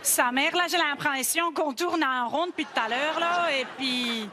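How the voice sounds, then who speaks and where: A woman's voice: high-pitched, measured pace, crowd noise, background noise. A woman improvising a comedy scene, sounding exasperated and making laughing asides.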